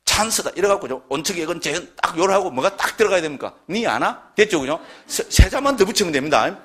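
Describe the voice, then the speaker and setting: A man's voice: sits high, lively intonation, fast talker, slightly rough. A man lecturing on Buddhist scripture, emphatic and constantly checking in with his listeners through short tag questions.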